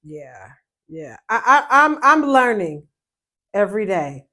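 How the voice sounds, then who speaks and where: A woman co-hosting a casual podcast, often agreeing with her partner and teasing her playfully. She talks in a plain mid-pitched voice that turns light and giggly when something amuses her. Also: very animated, slow, bright, forceful tone. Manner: affirming listener, laughs easily, teasing. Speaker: podcast co-host. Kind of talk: casual chat.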